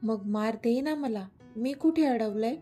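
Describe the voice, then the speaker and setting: A woman voicing a gentle, teasing young husband who talks softly and reassuringly. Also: on the high side, measured pace, faint music behind, close to an everyday voice. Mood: tender. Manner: soft, affectionate, reassuring.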